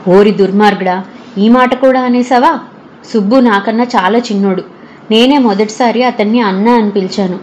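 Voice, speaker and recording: A hurt and defiant older village woman, voiced by a woman narrator, her lines pitched a little higher than the storyteller's plain reading. She speaks with stung pride, for a spoken storybook, over faint background noise. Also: moderate pace, darkish tone, highs cut off, natural voice. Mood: bitter, aggrieved.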